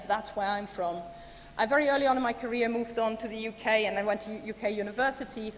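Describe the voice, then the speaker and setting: A woman from Germany speaks at a keynote in a large conference hall; her voice is medium in pitch and fairly bright. Her manner is chatty and enthusiastic with many ums, captured with hall reverb and faint room noise.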